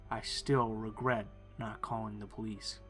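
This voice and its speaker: A man reading first-person horror stories in a calm, measured storytelling voice. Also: fairly low pitch, soft background music. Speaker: narrator. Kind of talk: scripted horror narration.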